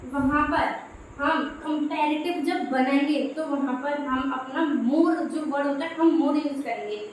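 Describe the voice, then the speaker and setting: A woman teaching English grammar in Hindi, explaining step by step in a patient classroom manner. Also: high-pitched. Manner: explains step by step, repeating "dekhiye". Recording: very echoey room, faint background noise.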